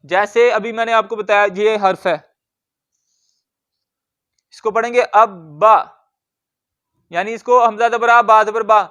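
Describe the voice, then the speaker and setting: A man teaching Quran recitation, drilling words slowly and asking questions that he answers himself. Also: sits high, little pitch movement, bright, forceful tone, clean tone.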